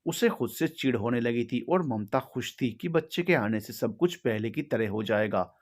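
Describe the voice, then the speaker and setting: A man's voice: medium pitch, animated, normal speed. Solemn male storyteller. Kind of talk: scripted story narration.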